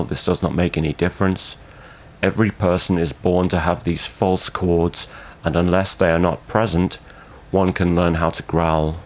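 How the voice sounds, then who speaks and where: Casting: male instructor, deep register, formal and measured scripted tutorial delivery. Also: darkish tone.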